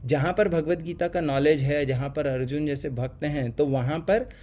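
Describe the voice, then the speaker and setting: A man teaching a scripture class online, pausing often with fillers and mixing English words into his talk. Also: on the high side, fairly even intonation, darkish tone. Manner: hesitant, many fillers, mixes English words. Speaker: spiritual teacher.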